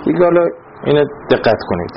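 A man with a high voice teaches a grammar class, working through each point step by step. He keeps stopping to ask whether his students follow. The recording is dull and lo-fi, with a faint hiss behind him. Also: sing-song, vocal fry. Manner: explains step by step, often checking students understand. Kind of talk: classroom lecture.

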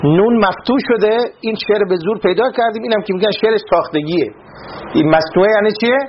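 A man teaching a classroom lesson on grammar, explaining step by step and often checking that his students follow. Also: high-pitched. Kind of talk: classroom lecture. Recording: dull lo-fi recording with faint noise.

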